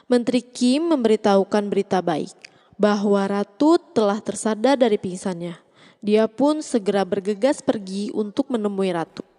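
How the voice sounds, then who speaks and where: A woman's voice: medium pitch, moderate pace, warm tone, in a large hall. A woman reads a scripted story recap as the narrator. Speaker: narrator recapping a drama series.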